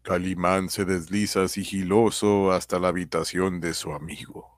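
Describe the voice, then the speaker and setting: A man acting as a dramatic old radio serial announcer, with slow, suspenseful, theatrical delivery. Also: low voice, level tone, lightly acted. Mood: ominous suspense.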